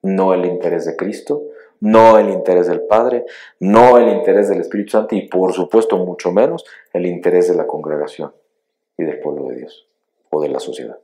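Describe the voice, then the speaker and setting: A middle-aged male pastor preaches a sermon in a very low voice. He tells stories emphatically, rising loud then sinking quiet. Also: moderate pace.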